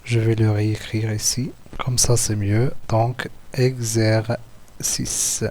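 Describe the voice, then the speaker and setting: A man with an Algerian French accent, walking through written school exercises as a teacher, slowly repeating words and syllables. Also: on the low side, level tone, darkish tone. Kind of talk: slow, patient lesson walkthrough.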